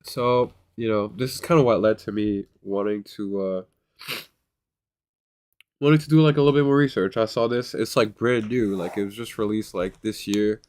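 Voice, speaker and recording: A man with a lowish, darkish, congested and nasal voice talks casually at a moderate pace in a self-recorded vlog. As a vlogger, he rambles and hesitates, with many fillers and restarts.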